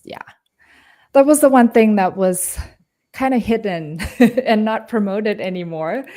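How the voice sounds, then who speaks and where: A woman's voice: fairly low pitch, a little mellow. A woman introducing herself on a video call in a chatty, giggly way. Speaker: guest speaker. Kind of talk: casual self-introduction.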